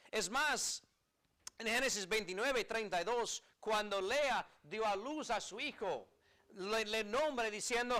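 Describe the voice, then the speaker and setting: A man's voice: high voice, bright, forceful tone. A man preaching a sermon in earnest, emphatic phrases, repeating key words, with an American accent as a native English speaker. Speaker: pastor.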